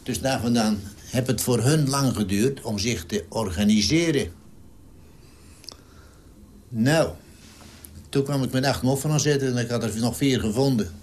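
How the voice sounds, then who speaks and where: Unhurried and pausing at length, a nonagenarian war veteran tells his story in an interview with a medium-pitched, slightly mellow voice. His vivid account is blunt and salty, and he acts out the conversations he describes.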